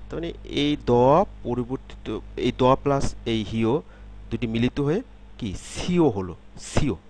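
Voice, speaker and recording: A man's voice: mid-range voice, expressive, normal speed, a little mellow, a little hiss or hum. A man giving a step-by-step pronunciation lesson, repeating each example sound several times and asking checking questions. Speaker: language teacher.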